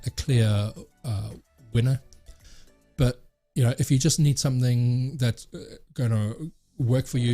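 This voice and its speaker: A man's voice: mid-range voice, mellow. A man hosting a tech channel, talking casually to camera and rambling with many fillers and restarts.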